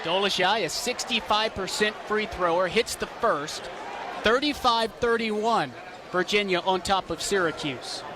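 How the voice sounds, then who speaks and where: In a loud arena full of crowd noise and a bouncing basketball, a young man calls the action live, doing sports reporting and radio play-by-play. His high voice moves a little slowly, and his phrasing is the clipped kind heard from broadcast announcers.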